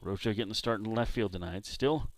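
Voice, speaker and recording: A man from San Diego doing play-by-play commentary for a baseball game, chatting between pitches. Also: brisk. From San Diego, California. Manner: relaxed, chatty between pitches, jumps up loud on big hits. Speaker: play-by-play announcer.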